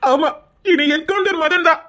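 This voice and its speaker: A woman's voice: very high voice, moderate pace. A woman voicing an emotional, devoted village policeman husband in a cartoon, with a Tirunelveli Tamil accent, earnest and tearful. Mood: tearful joy.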